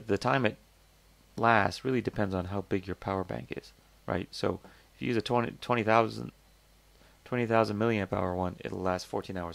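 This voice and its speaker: A man hosting casual reviews of crowdfunding products rambles loosely and skeptically, breaking off and restarting while he thinks out loud. His slightly low, gravelly voice is recorded close and dry, without any room sound.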